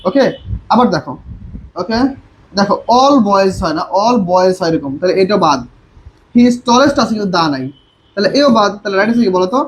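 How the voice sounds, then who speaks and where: A young man tutoring English for admission tests in an online class, coaxing students to answer and reading example sentences slowly and deliberately. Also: high voice, animated, slight background noise, low-quality recording. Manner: reads English sentences slowly and deliberately between quick explanations; coaxing, calls students "ভাইয়া" and prompts them to answer.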